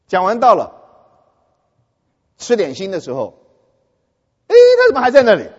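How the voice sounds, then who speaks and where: A man preaching a sermon through lively storytelling, often putting questions to his audience. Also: high voice, moderate pace, husky. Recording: echoey hall, dull lo-fi sound.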